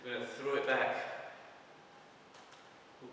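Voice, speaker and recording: A man gives a casual video tutorial on a prop-spinning move, talking loosely through each step as he demonstrates. His medium-pitched voice is flat, unhurried, pushed and bright. The mic sits far off in an echoey hall, with a little hiss or hum.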